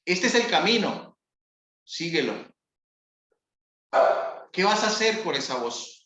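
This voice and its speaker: Slow, bright-voiced preaching man. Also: high voice, sing-song, roomy sound. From Colombia. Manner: slow, solemn, with long pauses. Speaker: pastor. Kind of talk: sermon.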